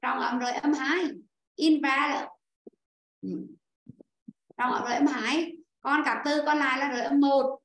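A woman's voice: high-pitched, fairly even intonation, normal speed, a bit bright, reverberant. A woman teaching an online class, patiently explaining answers step by step and calling on pupils one by one. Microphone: video call.

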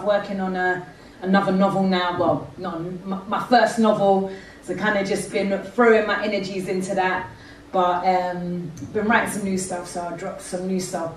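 A woman's voice: mid-range voice, far from the mic, slight background noise. A woman, performing spoken word poetry on a theatre stage into a handheld mic, with rhythmic street-inflected delivery. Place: theatre stage with red curtains. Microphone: handheld mic, far camera. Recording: very echoey hall, heard from afar.

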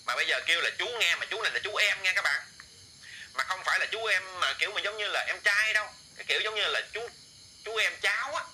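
A man's voice: high-pitched, lively intonation, fast, pushed and bright, a little hiss or hum, rough recording. Rambling man telling ghost stories. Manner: rambling with many repeated words, addresses listeners directly. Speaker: ghost story vlogger. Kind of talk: casual oral storytelling.

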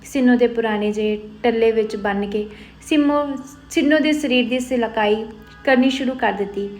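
A woman narrating a story in a steady storytelling manner. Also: fairly high pitch, moderate pace, faint music behind.

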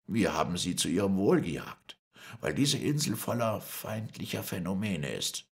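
A man's voice: sits low, animated, vocal fry, pitched above the performer's own voice. A man reading an audiobook, voicing a cold, commanding older male scientist who speaks firmly and persuasively. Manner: firm, measured, persuasive. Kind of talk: audiobook character voice.

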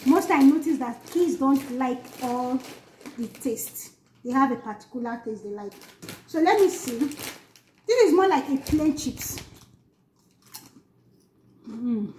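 A woman with a very high voice chats casually through a food tasting, crunching chips and murmuring between phrases. She sounds like she is in an echoey room, with noise and crinkling packets behind her. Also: animated, takes it slowly, pauses often, darkish tone. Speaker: snack reviewer. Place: small bare indoor room. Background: crinkling chip bags, crunching, noise.

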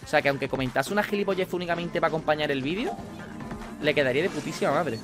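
A young man with a Spanish accent from Spain, chatting casually while playing a video game, excitable and swearing at the game. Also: fairly high pitch, racing. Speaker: gaming YouTuber. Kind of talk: casual gameplay commentary. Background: video game music.

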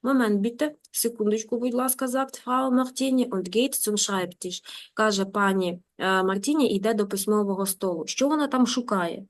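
Woman teacher reading and explaining. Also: medium pitch. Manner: reads German slowly, then translates and explains in quick asides. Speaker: German teacher. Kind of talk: reading a German story aloud and translating for a class.

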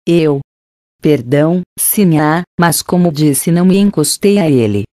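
A woman's voice: low-pitched, unhurried, dark tone, no echo, studio quality. A woman reading an audiobook, voicing a frightened young girl who pleads timidly. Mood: pleading.

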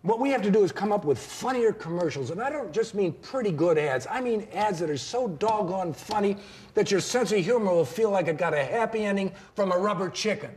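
A middle-aged man playing an agency boss, making an emphatic, folksy pitch in a scripted comedy sketch. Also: expressive, brisk, darkish tone, slight background noise.

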